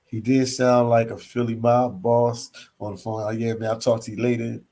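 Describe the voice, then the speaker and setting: In a hostel library, a Philadelphia-accented man chats easily with his livestream audience, reading their messages and answering each one. He's a travel vlogger with a medium-pitched voice and a moderate pace, prone to repeating phrases and saying "man."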